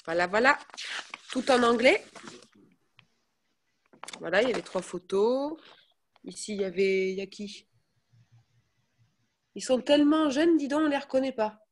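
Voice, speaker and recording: A young woman chatting casually to her viewers, telling animated stories. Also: fairly high pitch, measured pace, long pauses, a little hiss or hum. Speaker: network marketing presenter. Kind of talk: casual live chat.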